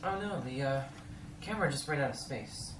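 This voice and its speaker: Talking to camera in a loose, rambling way, this man reviews weather radios with a radio hobbyist's enthusiasm, as if among friends. His mid-range voice is animated and runs at normal speed. Storm ambience fills the noisy amateur recording.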